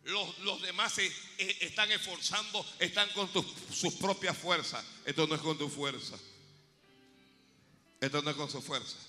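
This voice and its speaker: A man pastor preaching a sermon, rising to shouts and dropping to quiet asides. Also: sits high, a little slow, big-room sound, soft background music.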